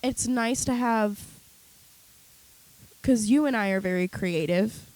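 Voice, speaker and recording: A young adult woman co-hosting a podcast in casual chat, blunt and animated, swearing freely. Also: fairly high pitch, slow pace, low-quality recording. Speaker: podcast co-host.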